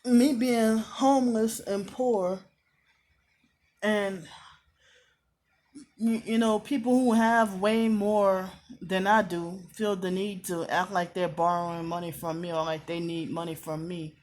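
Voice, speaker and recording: A woman talking casually to camera from a hotel room, aggrieved and repetitive, often clearing her throat, sounding tired. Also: mid-range voice, fairly even intonation, slow pace, a little mellow. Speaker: vlogger.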